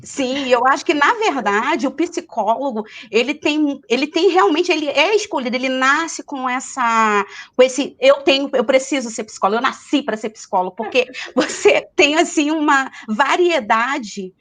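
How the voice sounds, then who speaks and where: Woman hosting a live chat over a video call. Her voice is a bit high, and she hesitates a lot with tag questions. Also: moderate pace, hardly any pauses, a bit bright. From Rio de Janeiro, Brazil. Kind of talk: casual live-stream chat.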